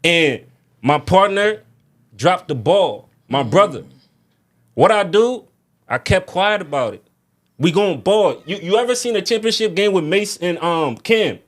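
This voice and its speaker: A man speaks in a notably high register. His talk is casual and slangy, like venting among friends on a show. He leans on short repeated phrases to hammer each point home. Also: expressive, unhurried. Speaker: music artist guest.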